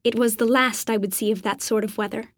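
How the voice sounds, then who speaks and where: A woman narrating an audiobook in the first person, with a measured, expressive reading. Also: fairly high pitch, no echo, clean studio sound.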